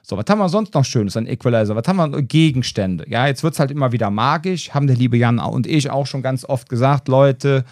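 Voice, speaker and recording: A man's voice: medium pitch, lively intonation, fast talker, few pauses, a little mellow, no echo, studio quality. A man co-hosting a podcast, chatting casually and rambling through colorful analogies as a self-defense trainer.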